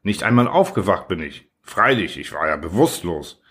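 A man reading a hungover, self-pitying and somewhat pompous man stuck in bed, in a plaintive, higher voice. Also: very animated, normal speed, fairly bright tone, breathy edge, exaggerated voice. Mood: querulous.

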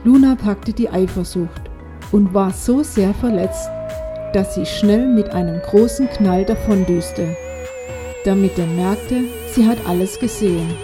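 A woman narrating a children's story in a calm, unhurried reading. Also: mid-range voice, music in the background.

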